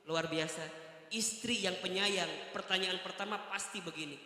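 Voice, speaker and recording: A man's voice: high-pitched, moderate pace, pushed and bright. A man preaching a sermon, telling a story animatedly and switching between voices. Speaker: Islamic preacher. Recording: echoey hall reverb.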